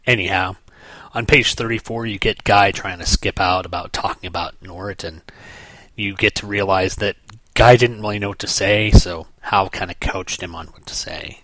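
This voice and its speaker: A man with a fairly low voice walks through a comic book page by page in casual commentary. He drops wry, sarcastic asides as he goes. The recording sounds dry and close. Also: fairly even intonation, normal speed, fairly bright tone, dry recording. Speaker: podcast host reviewing comics.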